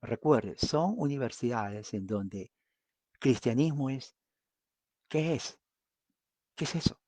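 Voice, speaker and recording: A man's voice: mid-range voice, animated, takes it slowly, dark tone, no echo. A man preaching a conversational Bible study, often asking his listeners questions. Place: United States.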